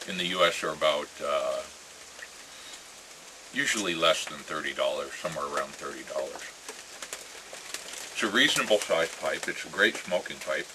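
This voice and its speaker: Very low-voiced American man, musing casually. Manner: musing, halting, with trailing phrases. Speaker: pipe-smoking vlogger. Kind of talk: casual rambling chat to camera. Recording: clear ambient noise with birdsong.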